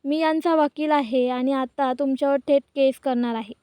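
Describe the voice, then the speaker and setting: A woman voicing a confident male lawyer who speaks firmly, in her own high voice. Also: steady tone, normal speed, dark tone, dry recording, natural voice.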